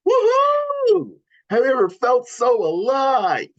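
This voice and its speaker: Performer as cocky teen cartoon hedgehog, chatty, excitable, very animated pitch, slightly dull recording. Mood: exhilarated. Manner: chatty, cheering, quick swings between glee and disgust. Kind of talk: acted script read, cartoon character voice.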